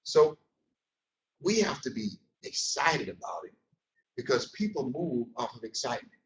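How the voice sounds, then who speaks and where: At a moderate pace and mid-range pitch, a man animatedly acts out scenes while telling stories in plain, everyday language during a motivational business training. Slight background noise mixes with a distant, dull, echoey room sound.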